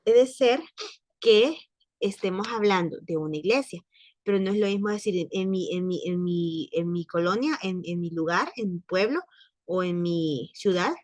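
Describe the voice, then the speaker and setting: A woman's voice: fairly low pitch, a little mellow, no echo. Woman French teacher, patient and repetitive, dry recording. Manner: explains patiently, repeats phrases, slows for examples. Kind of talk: online language class.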